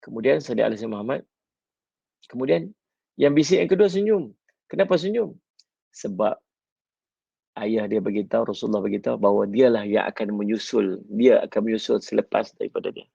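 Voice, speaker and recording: A man with a Malaysian Malay accent, a religious teacher who tells stories in a sermon. He moves between lively passages and soft, drawn-out pauses. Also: on the low side, creaky, breathy edge, no echo, dull audio. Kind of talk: Malay-language sermon storytelling.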